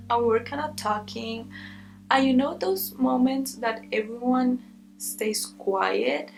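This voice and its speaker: A woman's voice: a little high, creaky, a bit bright, low-quality recording. A woman telling a personal story casually to her viewers, dramatic and building tension. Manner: dramatic, builds tension and laughs between lines. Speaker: storytime vlogger.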